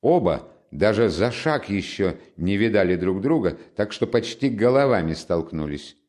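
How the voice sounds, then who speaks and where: A man with a deep, low voice reads a classic novel aloud. He narrates with measured expression, letting his pitch roam widely. The delivery is that of a literary audiobook. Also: animated, darkish tone.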